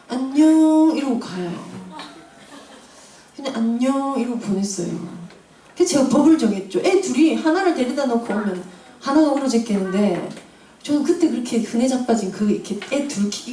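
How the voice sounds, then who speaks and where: A woman in her forties preaching to mothers, acting out family scenes in an animated way. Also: a little high, a little hiss or hum. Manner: animated, acts out family scenes with audience laughter. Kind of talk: sermon. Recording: roomy hall from a distance.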